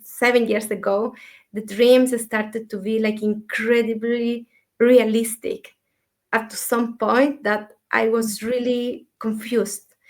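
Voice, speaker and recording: Soft-spoken woman from Ecuador, flat tone. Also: fairly high pitch, slow. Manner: soft-spoken, thoughtful, many fillers. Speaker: dream mentor, guest. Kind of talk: casual interview talk.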